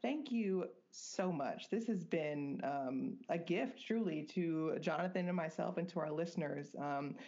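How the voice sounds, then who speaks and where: A woman co-hosting a podcast, talking casually and haltingly with frequent restarts. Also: low-pitched, dark tone, lo-fi sound. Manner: halting, many fillers and restarts. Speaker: podcast co-host.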